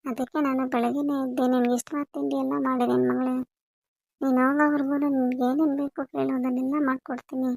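Woman doing a fussy doting mom, high voice with a gravelly edge, kind of flat, dry close sound. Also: fast, no room sound. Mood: fussing. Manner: fussy, insistent. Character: doting village mother fussing over her daughter. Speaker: mother in a family skit. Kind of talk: amateur village family skit.

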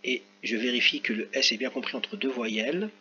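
A man's voice: medium pitch, a little fast, pushed and bright, a little hiss or hum. A man working as a teacher, patiently correcting a worksheet for children step by step and speaking to them directly. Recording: slightly dull home recording with faint ambience.

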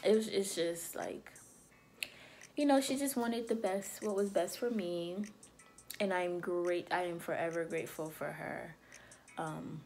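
A woman's voice: fairly low pitch, measured pace, darkish tone, slight background noise. A woman from Liberia talking casually to camera as a beauty vlogger, chatty and loose with frequent "um" and "you know".

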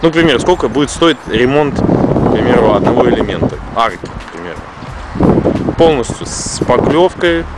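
A man's voice: mid-range voice, expressive, normal speed, very noisy. A man interviewing casually, asking roundabout, hesitant questions full of fillers. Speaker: interviewer filming the video. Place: outdoors in a lane between garages.

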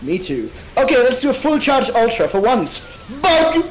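High lively-voiced man gaming with friends. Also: normal speed, poor audio. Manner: jokey, shouts bursts during play. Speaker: co-host gamer. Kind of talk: casual gaming chat.

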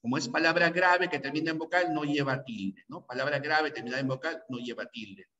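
This pre-university language teacher from Peru speaks briskly in a fairly high, pushed, bright voice. He hammers the same rules repeatedly and keeps checking in with his students. Audio comes from a distant mic in a reverberant room and sounds dull.

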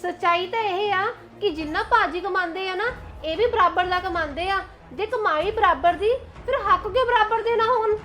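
A woman plays an outspoken young wife with a Punjabi accent, scolding and defiant. Her voice is high and bright, with a sharp edge. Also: normal speed, few pauses. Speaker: younger sister-in-law.

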